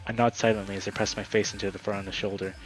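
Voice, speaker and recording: A man's voice: lowish voice, level tone, very fast, soft background music, rough recording. A man reading a visual novel aloud for his channel, narrating dramatically with the odd casual aside. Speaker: gaming YouTuber.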